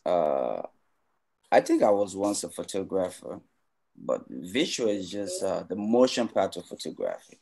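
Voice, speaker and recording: Nigerian man, video director guest, very low voice, laid-back storyteller over a video call. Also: unhurried, vocal fry, husky. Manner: relaxed, conversational storytelling. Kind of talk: casual interview answers.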